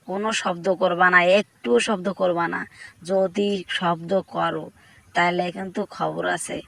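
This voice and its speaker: A single dubber voicing a sneaky male cartoon mouse in a comic fan dub, giving hushed, bossy orders to a little partner. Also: mid-range voice, vocal fry, pitched below the performer's own voice.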